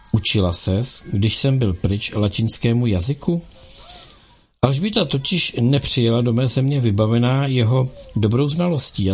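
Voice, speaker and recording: Gravelly husky guy reading a historical audiobook, lively up-and-down delivery. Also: medium pitch. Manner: measured, expressive storytelling with acted dialogue. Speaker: audiobook narrator. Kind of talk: first-person historical audiobook narration.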